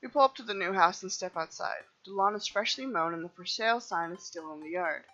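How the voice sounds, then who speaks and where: A woman's voice: medium pitch, fairly quick, a bit bright, highs cut off. A woman playing a dating game, reading the dialogue aloud playfully and laughing at her own jokes.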